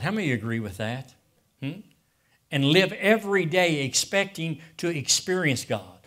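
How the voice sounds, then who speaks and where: A man's voice: a little high, a bit bright. A middle-aged man from preaching a sermon as pastor, emotional and passionate, often repeating words as he goes.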